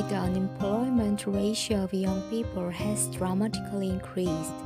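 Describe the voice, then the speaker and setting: A woman reading scripted interview questions as a measured voice-over. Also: mid-range voice. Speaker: narrator. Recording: voice-over with guitar music behind.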